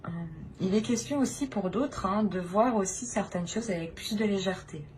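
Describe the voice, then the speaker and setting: This tarot reader, who hosts the channel, speaks at medium pitch and normal speed with a darkish tone, over a little hiss or hum. Her off-the-cuff reading is halting, as she gropes for words and keeps restating phrases.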